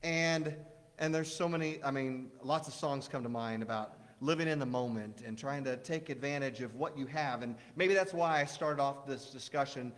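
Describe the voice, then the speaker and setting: A man's voice: medium pitch, normal speed. A middle-aged man preaching a casual sermon, rambling with restarts and telling jokes. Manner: rambling, warm storytelling with restarts. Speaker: pastor. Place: church sanctuary. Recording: long church hall reverb.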